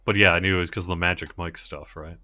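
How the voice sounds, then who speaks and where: Bright, low-voiced man hosting a livestream. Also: fairly even intonation. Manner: halting, thinking aloud. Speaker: livestream host. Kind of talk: casual chat while playing, answering viewers.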